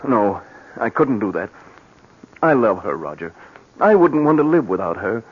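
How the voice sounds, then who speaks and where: A man's voice: on the low side, sing-song, normal speed, slightly rough. A man playing a desperate, lovesick husband in a pleading, theatrical 1940s radio melodrama style. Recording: muffled vintage radio recording.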